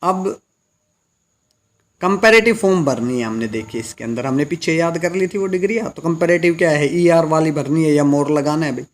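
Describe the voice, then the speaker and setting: Guy teacher going through grammar rules, asks a question then answers it himself, kinda high voice. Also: moderate pace. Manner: explains step by step, asks and answers his own questions. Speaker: English teacher. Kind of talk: classroom grammar lesson. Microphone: recorded lesson video.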